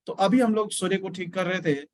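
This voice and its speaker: A man's voice: sits high, fairly even intonation, brisk, no echo. A man teaching an acupressure class in a mixed Hindi-English lecture, explaining step by step and often checking in with his students.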